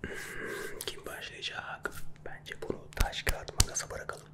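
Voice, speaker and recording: Male ASMR creator, whispers softly and quietly for late-night listening, playful game chat. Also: unhurried. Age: 30s. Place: small dim room at a desk, indoors. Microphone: close microphone with furry windscreen.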